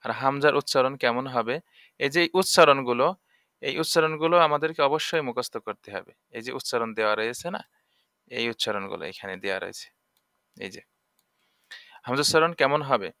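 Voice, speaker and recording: A man teaches Quran reading, taking each letter sound slowly and going over it again and again. His voice is bright and crisp, and it is recorded close and dry with no room around it. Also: mid-range voice, no room sound. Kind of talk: slow, patient recitation lesson.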